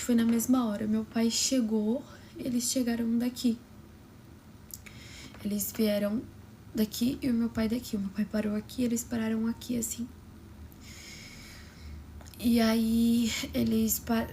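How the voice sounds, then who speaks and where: A young woman with a high, gravelly voice tells a personal story, dropping often into a soft whisper. Her delivery stays emotional and close. A light hiss of noise lies under it.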